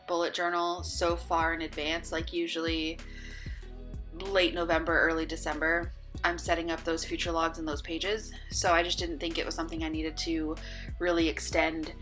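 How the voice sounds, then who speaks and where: In this casual voice-over, a woman flips through her bullet journal planner and talks loosely about the pages. Her fairly low voice sounds slightly strained, like it's going, and she fills pauses with plenty of ums and uhs. Soft music plays in the background.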